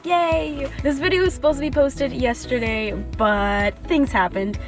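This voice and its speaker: Young female vlogger, higher voice, chatty and confiding, close car-mounted camera, faint music bed. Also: lively intonation, normal speed. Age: young adult. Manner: chatty and confiding, drops to a whisper when nervous. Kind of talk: casual storytime vlog. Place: parked car.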